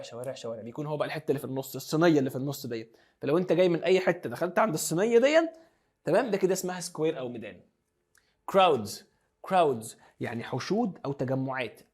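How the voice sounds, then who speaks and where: A man's voice: fairly high pitch, darkish tone. A young man with an Egyptian Arabic accent teaching English vocabulary, mixing Arabic and English and drilling pronunciation. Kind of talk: classroom lesson explanation.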